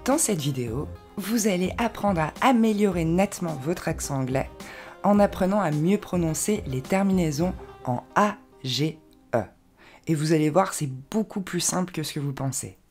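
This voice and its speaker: A woman teaching an English pronunciation lesson in French, explaining patiently and slowing down to demonstrate words carefully. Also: on the low side, expressive, darkish tone, soft background music.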